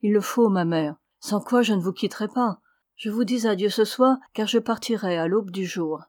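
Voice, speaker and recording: A woman's voice: medium pitch, normal speed, darkish tone, no echo, clean studio sound, close to an everyday voice. A woman reading an audiobook and voicing a devoted young man who pleads earnestly with his mother. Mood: gentle. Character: young man, devoted yet torn son.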